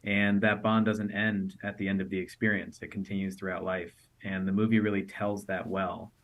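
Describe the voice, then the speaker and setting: A man with a very deep voice answers as an interview guest. He speaks earnestly, slowing down to reflect as he talks. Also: level tone, lo-fi sound. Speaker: guest, army veteran. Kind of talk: interview conversation.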